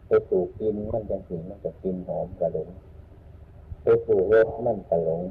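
Low-voiced Isan man giving a dharma talk. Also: fairly even intonation, breathy edge. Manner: unhurried, repetitive teaching with frequent hums. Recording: tinny phone-like lo-fi sound with faint noise.

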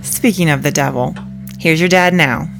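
A man's voice: on the high side, moderate pace, vocal fry, a bit bright, soft background music, pitched above the performer's own voice. A man voicing a smug, eerie woman who insists she is the boy's mother, speaking in a sweet, teasing, insistent way in a storybook reading. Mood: sweetly teasing.

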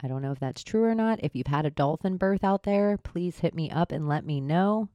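A woman's voice: low-pitched, a little fast, no room sound, highs cut off. A woman delivering an opinionated, colloquial monologue in a blunt, sarcastic way, like a vlogger.

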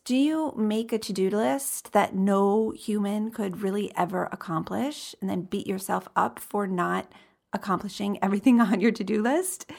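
A woman's voice: medium pitch, gravelly, darkish tone. A woman hosting a podcast as an encouraging, upbeat life coach, chatting directly to her listeners.

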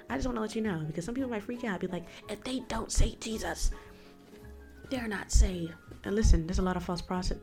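A woman's voice: low-pitched, a little mellow. A woman hosting a faith podcast in a casual monologue, chatty and rambling with asides to the listener, with a slight lisp from a new retainer. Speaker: podcast host.

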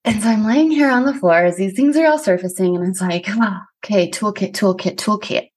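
A woman's voice: mid-range voice, expressive, fairly quick, a little mellow, husky. Earnest woman podcast host, casual and reflective. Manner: earnest, casual, frequent "like" fillers. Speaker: somato-emotional release practitioner. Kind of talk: reflective personal monologue.

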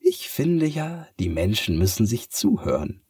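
A man's voice: fairly low pitch, sing-song, dark tone, husky, dry recording, studio quality, full character voice. A man voicing a sly, kind talking cat from the moon in a bedtime story, purring and teasing. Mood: gentle. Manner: purring, drawn-out teasing delivery.

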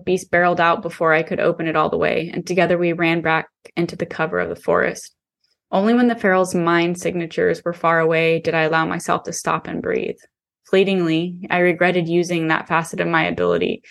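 A woman, an author, reading her own novel aloud in steady first-person audiobook narration. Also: lowish voice, creaky. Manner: steady, measured reading with occasional restarts.

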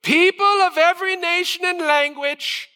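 A man voicing a loud, pompous male royal herald making a booming proclamation, heard with the long reverb of a church hall. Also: fairly even intonation, normal speed, heavily acted. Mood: proclaiming.

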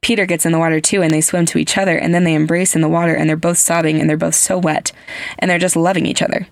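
A woman's voice: deep voice, little pitch movement, quick pace, creaky, no echo. A woman hosting a podcast, telling stories in casual, gushing chat with lots of "like" fillers. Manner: chatty, heavy use of "like" fillers; earnest, gushing storyteller. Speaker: podcast host.

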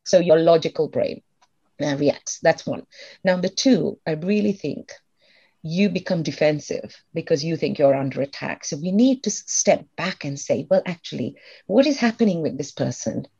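A middle-aged woman calmly explaining advice step by step, mixing in stories from her own life. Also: low voice, normal speed, vocal fry, slightly rough, highs cut off. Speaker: guest expert on emotional intelligence. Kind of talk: conversational advice in an interview.

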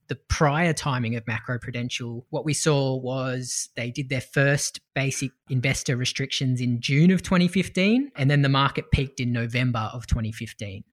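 A man co-hosting a podcast, explaining markets in a conversational, analytical way. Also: medium pitch. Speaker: podcast co-host.

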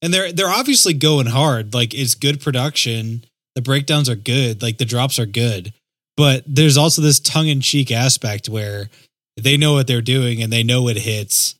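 A man's voice: medium pitch, measured pace, fairly bright tone, no echo. Easygoing man in a dry recording. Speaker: music podcast co-host. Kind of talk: casual chat.

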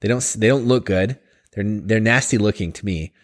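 A man's voice: on the low side, brisk. A man co-hosting a podcast in casual chat, dry and a bit sarcastic. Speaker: podcast co-host.

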